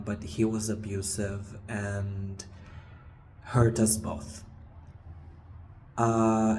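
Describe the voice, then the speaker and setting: In an echoing stairwell with faint noise behind him, a man in his twenties speaks to camera in a casual, confessional way. His delivery is very slow and halting, full of hesitant pauses. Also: lowish voice, darkish tone. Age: 20s. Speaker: vlogger. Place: stairwell of an apartment building. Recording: echoey stairwell with background noise. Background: faint ambient building noise.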